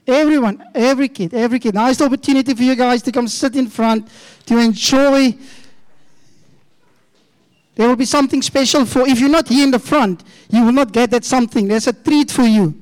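A woman's voice: a little high, brisk, darkish tone, rough recording. South african woman w afrikaans accent doing kids church talk, coaxing, asks loads of questions, flips between english and afrikaans. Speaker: children's church leader. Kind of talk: interactive children's sermon.

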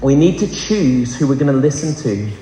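This clip captures a man's sermon in a large church hall, where the echo produces a long reverb. He speaks at medium pitch and normal speed with lively intonation, impassioned and often asking the congregation rhetorical questions, over some background noise.

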